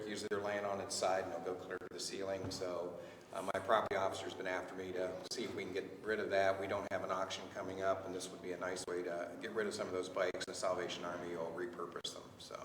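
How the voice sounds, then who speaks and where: A man with a very low voice reports plainly to the council. He sounds distant, with long echo off the chamber walls. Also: level tone, quick pace, a bit bright, a little hiss or hum. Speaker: police official.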